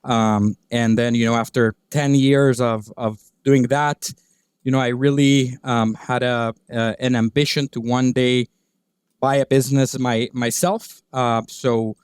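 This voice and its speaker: A man in his thirties from Guatemala, a podcast guest talking through his career in a relaxed, halting way with lots of fillers. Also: mid-range voice, clean tone, dry recording, clean studio sound. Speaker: podcast guest, business owner. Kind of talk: conversational interview.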